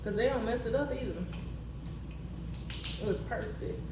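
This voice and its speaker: An American woman casually chatting to viewers while eating, with savoring mms and animated, slangy talk. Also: on the high side, moderate pace. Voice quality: talks with mouth busy eating, frequent savoring mms. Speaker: mukbang vlogger. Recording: roomy, distant mic, clear background noise.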